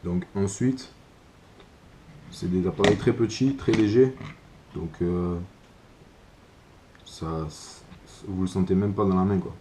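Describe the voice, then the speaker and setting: A man giving an informal explainer vlog about gear, speaking in a halting, hesitant way. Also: low-pitched, steady tone, noisy background. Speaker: video creator presenting survival gear.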